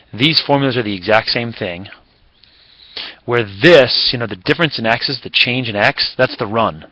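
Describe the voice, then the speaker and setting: A man's voice: lowish voice, pushed and bright, no room sound, poor audio. A man teaching a recorded math lesson in a casual, chatty way, with fillers and self-corrections.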